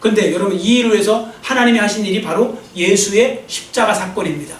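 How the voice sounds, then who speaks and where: A man's voice: high-pitched, quick pace. A male pastor preaching an earnest, exhorting sermon and leading a prayer in a church. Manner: earnest, exhorting, leads call-and-response. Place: church sanctuary. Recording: echoey church sound from a distant mic.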